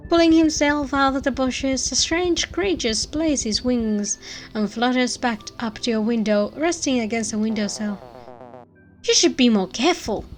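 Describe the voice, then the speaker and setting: Higher-pitched woman narrating a dramatic story. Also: low-quality recording.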